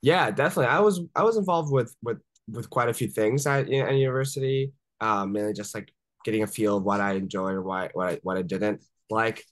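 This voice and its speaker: On a video call from a home room, a man in his twenties with a low voice and a slightly fast pace tells stories in a casual interview, with no echo. The Japan-born startup founder, raised in the Washington DC area, is chatty, laughs easily, and uses many fillers like "uh" and "like."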